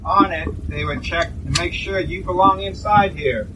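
Male guide talking informally on site, slightly high pitch, recorded from afar over noisy surroundings. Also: a little slow. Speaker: tour guide. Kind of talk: informal explanatory tour talk. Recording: distant mic, noisy vehicle ambience.

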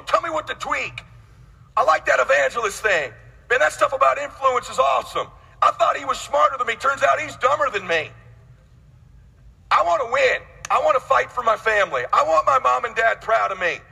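A man's voice: very high voice, creaky, bright, forceful tone, slightly rough, long reverb tail, rough recording. A man in his late forties giving a blunt, intense motivational speech on sales, swearing freely as he preaches. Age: 40s.

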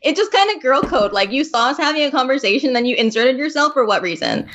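A woman's voice: high-pitched, expressive, fast, fairly bright tone. A woman playing a tabletop game, giggly and chatty. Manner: giggly, apologetic. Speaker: player. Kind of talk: casual tabletop game chat.

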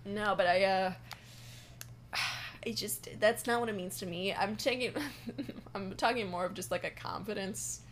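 A woman with a mid-pitched voice chats on a podcast, hesitant and full of fillers. She teases her co-host dryly. Faint noise sits under the recording. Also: measured pace. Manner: hesitant, many fillers, dry teasing. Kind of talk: casual chat.

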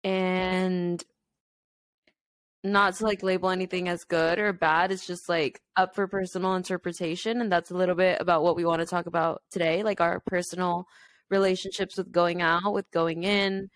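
Lower-voiced young woman podcast host. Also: flat delivery, moderate pace. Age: 20s. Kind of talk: casual chat.

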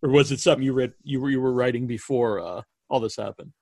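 Relaxed male host asking questions over a video call, dry close sound. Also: medium pitch, fast talker, dry recording. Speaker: interviewer. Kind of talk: interview questions.

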